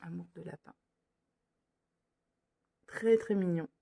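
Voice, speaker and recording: A woman with a lowish, gravelly, mellow voice takes her time presenting cross-stitch patterns in a casual vlog. Sitting indoors by lamplight, she hesitates often, using lots of fillers and starting over.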